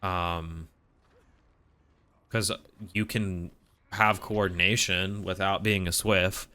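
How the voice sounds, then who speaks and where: A man's voice: low voice, steady tone, slow, bright, forceful tone. A man giving casual, rambling gaming commentary in a grumbling, opinionated, complaining way with frequent swearing. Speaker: gaming video creator. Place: voice-over on gameplay footage.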